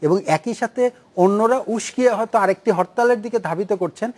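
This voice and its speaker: A man speaking as a political analyst on a talk show, making deliberate, numbered points. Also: high voice, darkish tone. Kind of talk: measured studio commentary.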